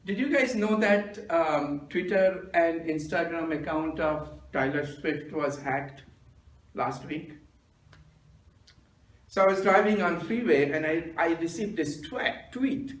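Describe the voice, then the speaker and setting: Deadpan man in echoey room. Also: fairly high pitch, takes it slowly, far from the mic. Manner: deadpan storytelling with self-mocking jokes. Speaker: stand-up speaker. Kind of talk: humorous club speech. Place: meeting room with audience.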